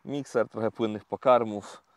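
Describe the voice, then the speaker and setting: A man talking casually to viewers in a fishing vlog, explaining each step in a relaxed, chatty way with many fillers, recorded outdoors by a lake. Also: fairly low pitch, no room sound, highs cut off. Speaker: carp fishing vlogger.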